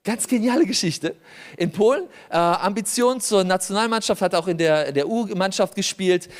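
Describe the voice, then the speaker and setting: A man, a pastor and lawyer, telling a lively anecdote in a sermon, laughing often. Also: sits high, moderate pace. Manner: animated anecdotal storytelling with laughter. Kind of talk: sermon storytelling.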